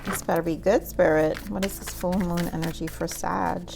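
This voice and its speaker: A woman's voice: on the low side, fairly even intonation, normal speed, creaky, noisy background. A woman giving a casual tarot reading, musing aloud with many "like"s and "um"s as she pulls cards. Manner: musing, says "like" and "um" often, talks to spirit while pulling cards. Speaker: tarot reader.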